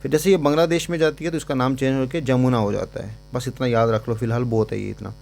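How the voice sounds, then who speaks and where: A man's voice: mid-range voice, fairly even intonation, fast, vocal fry, a little mellow, slight background noise. A man teaching an exam-prep lecture in a casual, chatty way, repeating points and giving memory codes.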